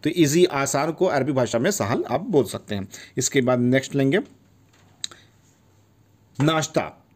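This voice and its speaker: A man's voice: mid-range voice, animated, measured pace, long pauses. Guy teaching words on video, says each one twice, keeps checking in. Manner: repeats each word, checks in with "theek hai". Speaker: language teacher. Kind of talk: casual video lesson.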